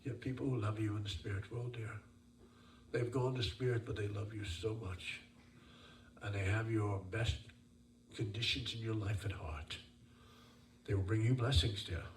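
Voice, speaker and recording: Casting: male seance medium, lowish voice, emphatic live readings with repeated phrases, distant roomy recording with faint noise. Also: fairly even intonation, moderate pace, pauses often. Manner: addresses listeners as dear and sir, repeats phrases. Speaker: spirit medium.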